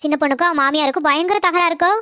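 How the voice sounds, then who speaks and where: A woman's high-pitched voice, steady in tone, very fast and sharp, plays a nosy cartoon neighbor eagerly spreading street gossip. She has a Kanyakumari Tamil accent, and faint music plays behind her. Her breathless, eager storytelling fits the cartoon comedy dialogue.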